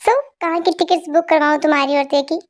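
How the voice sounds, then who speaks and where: A woman voicing a middle-aged father who speaks gently and affectionately, in a fan-dubbed story. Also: sits high, fairly even intonation, a little fast, faint music behind, natural voice. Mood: fond. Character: middle-aged man, fond indulgent father. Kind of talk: Hindi fan dub storytelling.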